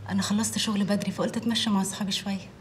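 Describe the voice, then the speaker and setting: A woman's voice: medium pitch, level tone, racing, a little hiss or hum, natural voice. A young actress with an Egyptian accent playing an eager working woman who talks earnestly about living her own life in a TV drama. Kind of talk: TV drama dialogue.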